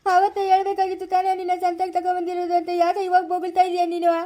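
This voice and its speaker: A defiant, demanding grown son, played by a woman in a village family comedy skit, with a Chikkaballapura Kannada accent. The voice is very high and fast, and it argues back in rural speech. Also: completely flat delivery, warm tone.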